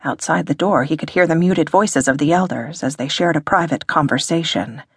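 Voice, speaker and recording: A woman reading an audiobook in a measured, dramatic narration. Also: sits low, husky, dry recording, clean studio sound. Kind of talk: scripted narration.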